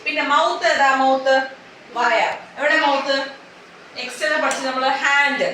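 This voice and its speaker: Preschool teacher lady, high bright voice, keeps asking the kids questions, far off in a super echoey classroom. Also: steady tone, moderate pace, slight background noise. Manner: coaxing, repeating simple words and asking many questions. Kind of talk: classroom teaching of young children.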